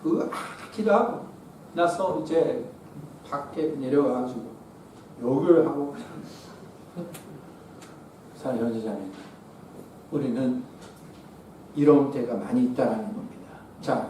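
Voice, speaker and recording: A male pastor who grew up in Japan, preaching a sermon with animated swings between loud exclamations and quiet asides. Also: on the high side, slight background noise. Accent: Korean spoken by someone born in Japan. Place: church sanctuary. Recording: echoey church from a distance.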